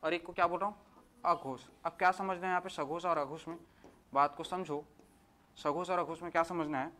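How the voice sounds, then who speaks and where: A male teacher giving an exam-prep grammar lesson, asking questions and answering them himself, and sounding out letters slowly one by one. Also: on the high side, fairly even intonation, bright, forceful tone.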